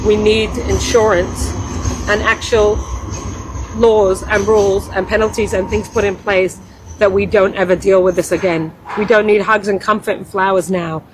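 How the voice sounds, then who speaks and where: A woman's voice: mid-range voice, flat delivery, moderate pace, noisy background. A woman, speaking earnestly and with passion as an interview guest who runs a community center. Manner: earnest and impassioned, rising when quoting others. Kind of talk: emotional interview testimony.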